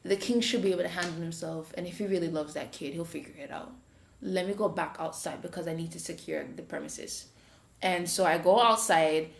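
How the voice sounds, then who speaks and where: Fairly quick and gravelly, this lowish-voiced woman with a Jamaican accent hosts a podcast. She relates a story in casual chat, animatedly acting out voices as she retells it, and the recording has a roomy echo.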